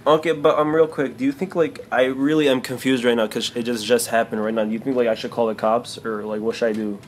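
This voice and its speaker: Young man, twenties, earnest and hesitant prank caller, mid pitch, faint room noise. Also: fairly even intonation, fast talker. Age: 20s. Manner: earnest, hesitant, filler-heavy oversharing. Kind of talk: casual prank phone call. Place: small bare-walled room indoors. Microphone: camera a few feet away. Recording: noisy room recording.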